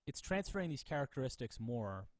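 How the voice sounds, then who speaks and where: Very animated and mid-pitched, a male music professor walks through software in a casual online class, hesitantly reasoning aloud as he goes. His mic voice sits over a backdrop of electronic music and synth sounds.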